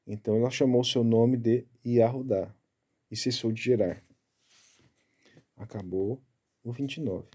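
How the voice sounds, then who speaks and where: A man giving a casual Bible study, explaining step by step and tagging his sentences with quick checks to the listener. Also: mid-range voice, steady tone, warm tone, breathy edge. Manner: chatty, keeps tagging lines with "né?"; explaining Hebrew letters and pronunciation step by step.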